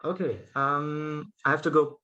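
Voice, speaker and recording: A German man, a guest and event organizer, speaks English as a second language in a casual interview over a video call, his voice fairly high, flat in pitch, bright and forceful. He talks unhurriedly but hesitantly, with plenty of fillers and restarts, and laughs often. The audio sounds dull.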